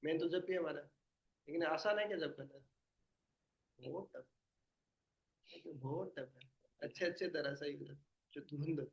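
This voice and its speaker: A man's voice: a little high, unhurried, long pauses, highs cut off. A man leading a devotional study session, explaining patiently and quizzing his listeners with questions. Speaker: spiritual teacher.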